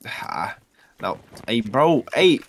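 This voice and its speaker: A man trash-talking and laughing loudly while playing a video game with friends. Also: mid-range voice, big pitch swings, slow. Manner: loud, profane, laughing trash talk. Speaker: gamer streaming with friends. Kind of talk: casual gaming banter.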